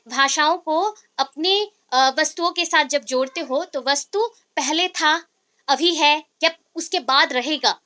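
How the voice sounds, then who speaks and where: A woman's voice: high-pitched, pushed and bright. A woman teacher giving a lecture, explaining step by step and quizzing her students with repeated questions. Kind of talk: classroom lecture.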